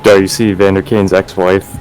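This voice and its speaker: A man's voice: low voice, little pitch movement, normal speed, darkish tone, slight background noise, low-quality recording. A man streaming a racing game, chatting casually in laid-back, slangy banter. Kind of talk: casual chat.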